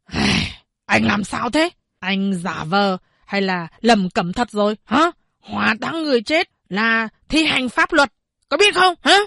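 Woman doing a haughty male official, barking, scolding, contemptuous, breathy, high. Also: expressive, normal speed, a bit bright, no room sound, clean studio sound, exaggerated voice. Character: arrogant, bullying male government official.

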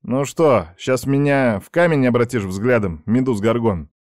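A man's voice: mid-range voice, unhurried, darkish tone, no room sound, clean studio sound, voice pushed up, natural voice. Man voicing a cheeky sarcastic teenage boy. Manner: mocking, defiant.

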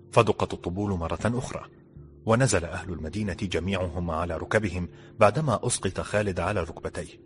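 A man reading a story aloud as an audiobook narrator, in a dramatic, steady storytelling manner. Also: sits low.

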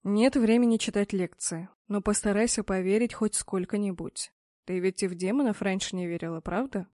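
Woman doing stern know-it-all guy in an audiobook, calm lecturing, dry close sound. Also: medium pitch, normal speed, dry recording, close to an everyday voice. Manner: calm, instructive, admonishing. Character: stern, knowing man guiding a ritual.

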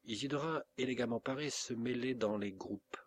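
A man with a French accent reading a classic novel aloud as an audiobook narrator, steady and measured. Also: mid-range voice, slight background noise.

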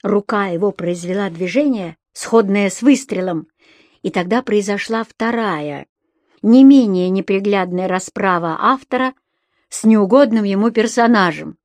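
A woman narrating a novel as an audiobook, in a measured, expressive, unhurried way. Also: mid-range voice, no room sound, studio quality. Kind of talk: scripted literary narration.

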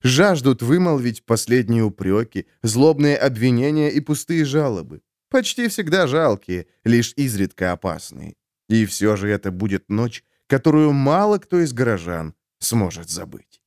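A man narrating a story, lively. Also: mid-range voice, moderate pace, dry recording, clean studio sound. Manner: expressive storytelling. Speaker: audiobook narrator. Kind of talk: scripted narration.

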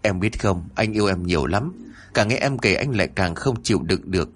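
A man voicing a gentle, loving young husband who consoles his wife in a horror story. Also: low voice, lively intonation, brisk. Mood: tender. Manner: tender, consoling.

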